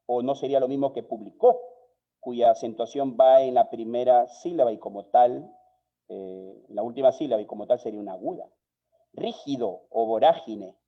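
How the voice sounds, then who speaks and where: Man, Peruvian Spanish accent, online instructor, measured explanations, slightly dull lo-fi audio. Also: mid-range voice. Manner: measured, explanatory, asks viewers questions. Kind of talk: live online spelling lesson.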